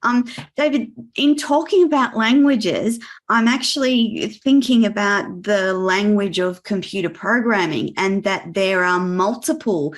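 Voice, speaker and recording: An Australian woman speaks as an interviewer at a middle pitch. Her style is conversational, as she puts questions and reflections to a guest. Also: unhurried.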